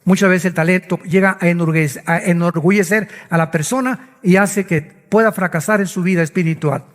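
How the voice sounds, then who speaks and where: Preacher guy, high voice, big dramatic sermon, echoey church hall. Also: brisk. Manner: dramatic preaching with rhetorical questions and jumps in pitch. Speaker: pastor.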